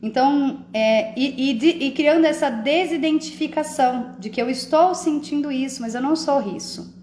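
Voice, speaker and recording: A woman's voice: high voice, normal speed, a little mellow, reverberant, a little hiss or hum. A woman hosting a live stream, talking casually about emotions and often checking that listeners follow. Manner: conversational, often asks "entende?".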